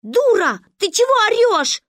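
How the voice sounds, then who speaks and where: A woman's voice: big pitch swings, a little fast, no echo, heavily acted. A stubborn, hot-tempered little girl squeals her complaints, as a woman reading a story puts her on. The voice sits far above an adult's and swings up and down. It is close and dry, with no room sound. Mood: furious. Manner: shrill, indignant shouting. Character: bossy stubborn little girl, quick to anger.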